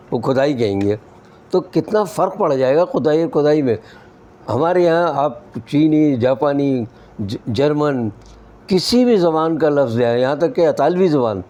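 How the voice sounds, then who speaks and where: Mellow-voiced older man telling wry anecdotes. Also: mid-range voice. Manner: conversational storyteller, wry humor, mimics mispronunciations. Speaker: humor columnist and writer. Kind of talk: relaxed anecdotal talk on language.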